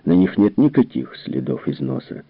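A man's voice: on the low side, expressive, normal speed, vocal fry, dry recording. A man reading aloud who voices a worried, troubled general explaining things earnestly, on a tinny narrow-band recording. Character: worried, troubled middle-aged male general.

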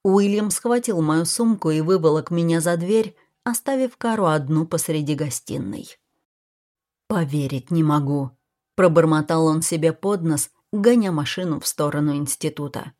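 A woman's voice: low-pitched, animated, moderate pace, hardly any pauses, warm tone. A woman reading a novel aloud in scripted first-person narration. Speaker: audiobook narrator.

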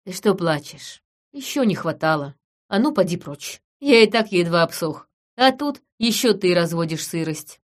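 A woman voicing a bitter, sardonic cursed nobleman with a low, weary manner. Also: expressive, normal speed, lightly acted. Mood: grumbling.

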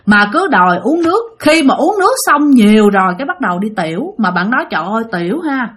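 A woman with a Southern Vietnamese accent telling a ghost story to her listeners in a chatty, animated way. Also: fairly high pitch, quick pace, slightly rough. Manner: animated, conversational, many fillers.

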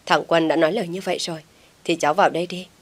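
A crafty middle-aged uncle coaxes quickly and smoothly, as a female narrator voices him. The voice stays low. It comes from a one-reader audiobook drama. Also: fairly even intonation, natural voice. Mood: coaxing. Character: scheming middle-aged village uncle, coaxing.

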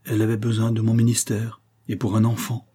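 A man reading a nineteenth-century first-person story aloud in a measured, even way. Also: fairly low pitch, slightly rough. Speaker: audiobook narrator. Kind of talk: first-person literary narration.

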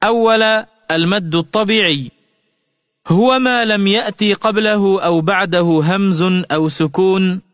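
A man giving a radio lesson on Quran recitation rules, with measured explanations and slow chanted example words. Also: sits high, fairly bright tone, no room sound, clean studio sound, in a large hall.

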